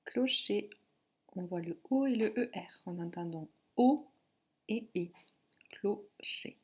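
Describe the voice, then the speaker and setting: A woman teacher walks a child through a spelling lesson, pronouncing each sound with care. She speaks slowly with a slightly breathy, husky voice. Her pitch sits in a middle range. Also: darkish tone. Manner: slow, clearly articulated dictation.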